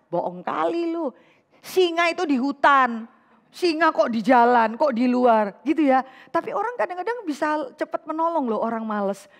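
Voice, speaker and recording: A woman vicar preaching a lively sermon to a women's fellowship, asking rhetorical questions and mixing in English phrases. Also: sits high, normal speed, big-room sound. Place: church hall.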